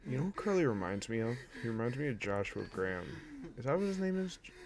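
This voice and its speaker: A young man casually commenting as he plays through a game, with laid-back mumbled asides and quiet reactions. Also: medium pitch, very animated, quick pace, crowd noise. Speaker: game streamer. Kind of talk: casual let's-play commentary. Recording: clear background noise.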